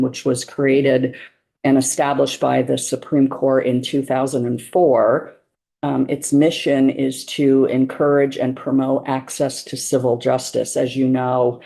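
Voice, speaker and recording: A woman testifying before a legislative committee, measured and full of "um" pauses, speaking around a cough drop. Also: very deep voice, gravelly, mellow. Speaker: witness testifying.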